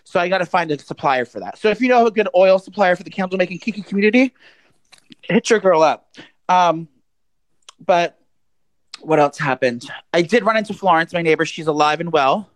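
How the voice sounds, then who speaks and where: A woman's voice: on the low side, animated, brisk, no echo, poor audio. A woman hosting a podcast from her apartment, chatting casually in a rambling way full of fillers and a bit out of breath. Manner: rambling, filler-heavy storytelling. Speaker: podcast host. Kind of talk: casual chat.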